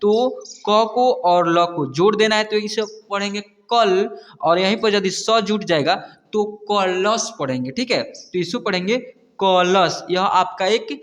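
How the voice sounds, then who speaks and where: Slow, high-voiced Hindi reading teacher. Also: male voice, animated, a bit bright, big-room sound. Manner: drawn-out, repeats each word twice. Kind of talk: slow syllable-by-syllable reading lesson.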